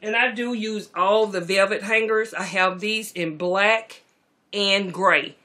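Taking it slowly in a medium-pitched voice, a middle-aged beauty vlogger chats with viewers, whom she calls "y'all," while tidying her beauty room. Her manner is relaxed and chatty, and the bedroom footage comes from a moving camera mic with slight background noise.

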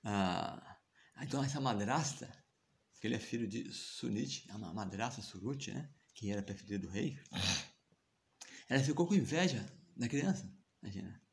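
Brazilian guy telling a holy story, chatty, keeps checking in w listeners, gravelly voice. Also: lowish voice, expressive, moderate pace. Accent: Brazilian Portuguese. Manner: chatty, frequent tag questions and chuckles. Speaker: devotional teacher. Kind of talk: casual storytelling of scripture.

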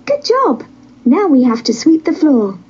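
A woman voicing a sweet, polite young princess in a storybook game, with a bright, gentle, encouraging delivery. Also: high-pitched, huge pitch swings, unhurried, heavily acted. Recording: lo-fi recording over music.

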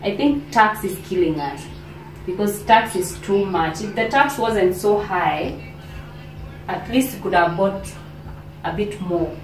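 A woman with a Kenyan accent talks through her shopping in an unhurried, chatty way, pausing often to search for words. She stands a few steps from the camera in a home kitchen, so her voice sounds roomy and distant. A steady hiss runs under the recording. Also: mid-range voice. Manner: chatty, unhurried, many fillers and pauses. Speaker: vlogger. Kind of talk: casual grocery haul vlog. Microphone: camera on the counter, a few steps away.

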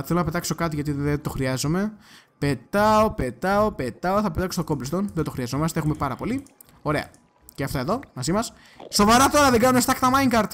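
A man giving casual gameplay commentary, chatty and excitable, talking straight to his viewers and now and then bursting into loud cursing. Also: a little high, slight background noise. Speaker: gaming video creator.

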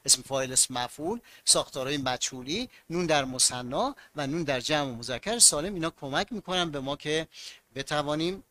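A man's voice: fairly high pitch, animated, bright, forceful tone. A man with a Mashhad accent teaching an online grammar class, patiently explaining rules and asking his students questions that he then answers himself.

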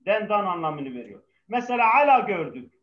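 Here a man teaches a language class live, drilling students with patience as they answer back in call-and-response. He speaks in a high, very animated voice at a moderate pace, with slight background noise. A heavy echo from the microphone leaves the sound dull and echoing.

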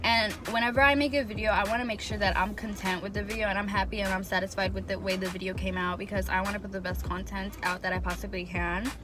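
A young woman chatting casually to camera as a vlogger, expressive and loose, with plenty of fillers. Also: medium pitch, fast talker, hardly any pauses, over music. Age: young adult. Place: room at home.

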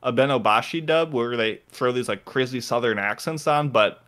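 A man's voice: medium pitch, moderate pace, fairly bright tone. A man co-hosting a podcast, chatting casually and enthusiastically with lots of fillers. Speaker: podcast co-host. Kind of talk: casual chat, recommending an anime.

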